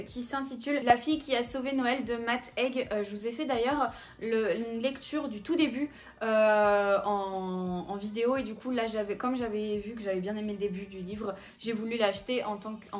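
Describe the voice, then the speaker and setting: A young woman with a French accent, chatting casually at home about the books she plans to read, with many fillers and self-corrections. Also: on the high side. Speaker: book vlogger. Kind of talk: casual chat. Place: at home in front of her bookshelves.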